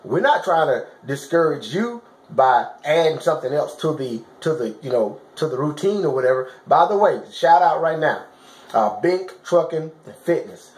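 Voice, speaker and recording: A man with a fairly high-pitched voice talks informally, like a vlogger coaching his viewers. He repeats his points for emphasis and keeps checking that he is understood. The sound is roomy, with clear echo. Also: lively intonation, normal speed, a little mellow. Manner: emphatic, repetitive coaching with frequent check-in questions; colloquial, informal phrasing. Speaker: fitness challenge vlogger giving advice. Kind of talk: casual motivational talk to camera.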